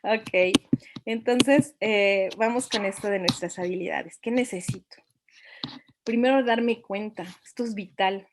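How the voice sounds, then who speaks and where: A woman's voice: mid-range voice, measured pace, a little hiss or hum. A middle-aged woman, giving a reflective talk to parents and asking them many questions.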